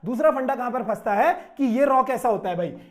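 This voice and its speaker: A man runs an exam coaching lesson on grammar in a relaxed, talky way. He keeps asking his students questions and answers them himself, and he stretches syllables slowly as he splits up words. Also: very high voice. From Uttarakhand, India. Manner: conversational, repeats questions, says "bhai", stretches out syllables. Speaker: teacher.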